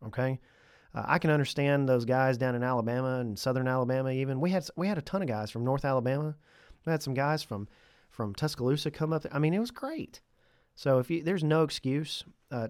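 This solo podcast host talks in a relaxed, conversational way, slipping in small jokes, and his nose sounds stuffy. He has a mid-range voice, recorded at studio quality with no room sound.

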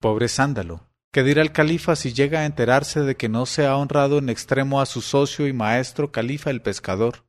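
A man voicing a grand vizier in a storybook reading. He speaks in a low, quiet and measured way. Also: natural voice. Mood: stern. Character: grave grand vizier, older authoritative man. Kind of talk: audiobook character reading.

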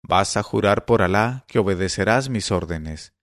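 A man voicing a menacing male efrit spirit in a storybook reading, giving orders slowly and sternly. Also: fairly low pitch, no room sound, clean studio sound, close to an everyday voice.

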